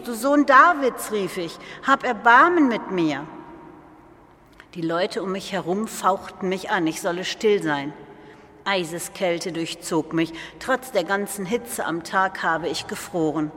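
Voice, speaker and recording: A performer telling, in first person and in an earnest, calm storytelling manner, the story of a humble, grateful blind male beggar, as a biblical monologue. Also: mid-range voice, close to an everyday voice. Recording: long hall reverb.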